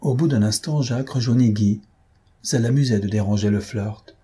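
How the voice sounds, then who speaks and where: A man narrating a literary audiobook in a measured, expressive way. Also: mid-range voice, breathy edge.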